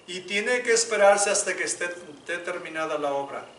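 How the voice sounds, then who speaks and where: A man preaching a sermon as pastor, moving between loud appeals and hushed prayer. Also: high-pitched, expressive, normal speed, a little hiss or hum. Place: church sanctuary. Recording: echoey church room, mic at a distance.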